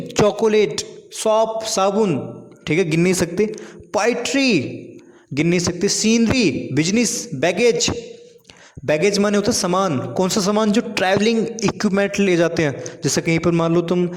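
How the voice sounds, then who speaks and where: A man teaching an English grammar lesson, saying each word twice and explaining it simply, with frequent checks like "okay". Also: high-pitched. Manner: repeats each word, explains in simple terms, says "ठीक है" often. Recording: echoey room with long reverb.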